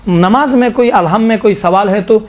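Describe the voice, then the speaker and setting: A middle-aged man teaching a class on Quran recitation. He explains step by step and slowly recites and repeats verses to show how they are said. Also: high voice, darkish tone. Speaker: tajweed teacher.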